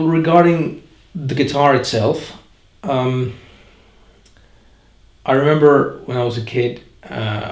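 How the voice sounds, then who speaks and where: Low gravelly man with a Finnish accent. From northern Finland. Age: 40s. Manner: reflective, pausing to search for words. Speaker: guitar maker. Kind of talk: answering interview questions. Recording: roomy echo.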